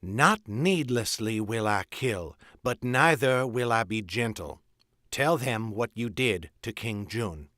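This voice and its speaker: A man's voice: fairly low pitch, animated, takes it slowly, fairly bright tone, no room sound, clean studio sound. A man reading aloud and voicing a fierce young woman warrior, stern and commanding.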